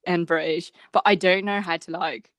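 A woman's voice: on the low side, steady tone, normal speed, dry recording, studio quality. A young woman co-hosting a casual podcast chat, giggling often and rambling with lots of fillers. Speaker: podcast co-host.

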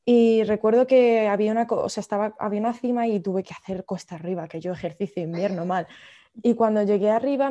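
A young woman from Madrid, speaking with a Madrid Spanish accent, hosts a casual podcast chat full of stories and frequent laughter. Her voice is mid-range and dark in tone, and the recording sounds muffled.

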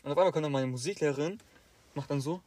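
A man's voice: quick pace, dry recording. A young man, casually telling a story and acting out the people in it. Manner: animated, acts out quoted teachers with louder higher bursts. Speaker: podcast co-host.

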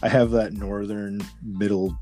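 A man with a low voice and a Midwestern American accent, hosting a casual podcast chat, laughing often and restarting his sentences. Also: level tone, measured pace, mellow, soft background music. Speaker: podcast host.

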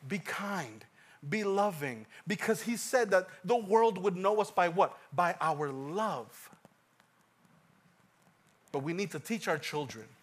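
Male pastor in his thirties, high-pitched, lively emphatic sermon delivery with repetition. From Ecuador. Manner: animated preaching, swings from hushed to loud, repeats lines for emphasis.

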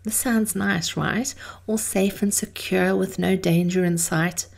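A woman hosting an inspirational series, delivering a scripted monologue in a theatrical, measured way with drawn-out emphasis. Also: medium pitch, steady tone, vocal fry. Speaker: host of a daily inspirational series.

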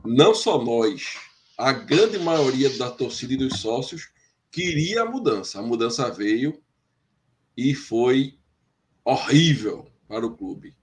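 A man's voice: mid-range voice, very animated, slow. A man, commenting on a fan football debate show, hesitant and searching for words, sharply critical.

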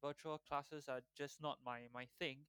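A man's voice: fairly high pitch, fairly even intonation, moderate pace, pushed and bright, clear, resonant tone, no room sound. A man in his twenties from Singapore, talking thoughtfully as an interview guest with frequent restarts. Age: 20s. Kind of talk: conversational interview.

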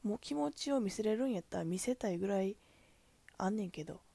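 A woman's voice: mid-range voice, expressive, fast, vocal fry, warm tone, no room sound. A woman with a Kansai accent, a cashier, venting in a chatty, exasperated way about customers at the register. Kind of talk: casual venting monologue.

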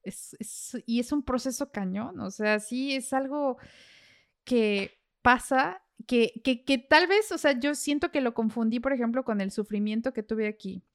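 A woman's voice: fairly high pitch, a little slow. A Mexican woman hosting a podcast, chatting casually with lots of fillers and little laughs. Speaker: podcast host.

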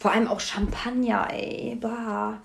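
A woman's voice: on the high side, flat delivery, measured pace, vocal fry. Blunt, slangy woman chatting. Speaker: podcast co-host. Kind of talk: casual chat recapping a reality show.

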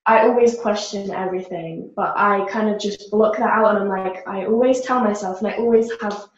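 Voce femminile giovane, sincera, in stanza con forte eco. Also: female voice, mid-range voice, normal speed. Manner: earnest, upbeat, many "like" fillers. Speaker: guest, social media creator. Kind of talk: casual interview answers. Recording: roomy, dull lo-fi sound.

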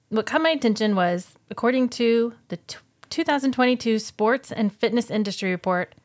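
A middle-aged woman co-hosts a relaxed podcast, patiently walking through facts and figures while her partner jokes. Her voice sits at an ordinary middle pitch. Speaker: podcast co-host. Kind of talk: casual chat.

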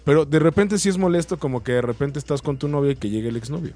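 A relaxed man with a Mexican accent chats casually with a friend, drifting through his points in a loose, slangy way. Light music plays faintly underneath. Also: a little high, fast talker. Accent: Mexican Spanish. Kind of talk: casual chat.

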